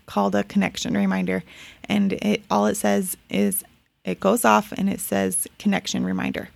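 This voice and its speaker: A woman's voice: mid-range voice, gravelly, darkish tone, no room sound. A woman hosting her own podcast, talking casually and upbeat, often repeating words for emphasis. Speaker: podcast host. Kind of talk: casual solo podcast talk.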